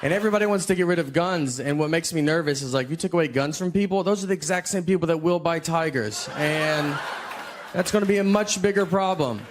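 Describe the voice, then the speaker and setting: A man's voice: a little high, fairly quick, background noise. A man in his forties doing a stand-up routine, telling stories in an understated, laid-back way with lots of "like" fillers. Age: 40s. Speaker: stand-up comedian.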